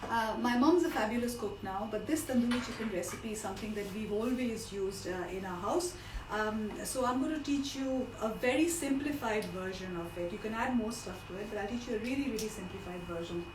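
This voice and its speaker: A middle-aged woman from India teaches a cooking class on a live stream, chatting and digressing with asides as she explains in an informal demonstration. Her slightly high, fairly quick voice is partly lost, set back from the mic in a roomy kitchen with some background noise.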